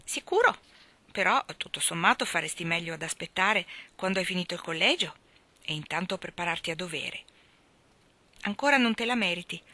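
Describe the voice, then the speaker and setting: A woman's voice: on the low side, animated, brisk, sharp tone. A woman reading the lines of a frank young woman in a storybook audiobook, earnest and mildly scolding.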